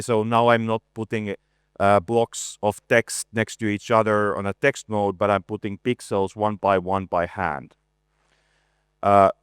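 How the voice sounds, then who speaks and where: A man in his forties giving a conference presentation, relaxed and self-deprecating, with frequent hesitations and a voice worn from talking a lot. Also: on the low side, clean tone, dry recording, clean studio sound. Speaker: conference speaker, art director. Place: conference stage.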